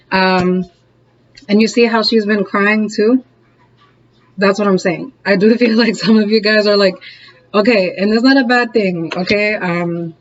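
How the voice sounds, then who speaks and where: Chatty tarot reader, dull lo-fi sound. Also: medium pitch. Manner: chatty, keeps checking in with "okay?" and "all right?"; laughs often, encouraging and direct. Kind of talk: casual tarot reading to camera.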